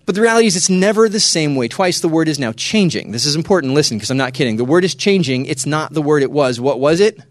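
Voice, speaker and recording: Animated high-voiced man giving a youth talk. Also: quick pace, hardly any pauses, no room sound. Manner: animated, joking, often hushing and resetting the crowd. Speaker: youth speaker. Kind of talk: lively talk to a young audience.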